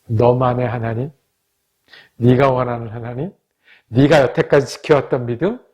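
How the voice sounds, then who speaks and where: A man, a pastor, teaching a Bible study in a measured way and asking the listeners questions. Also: mid-range voice, steady tone, dark tone, slightly rough.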